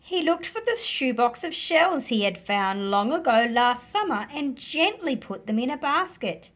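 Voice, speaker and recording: A storyteller reads a picture book aloud to young children in an expressive read-aloud. Her fairly high voice swings widely in pitch as she shapes each phrase expressively. Her delivery is slow, deliberate, and animated.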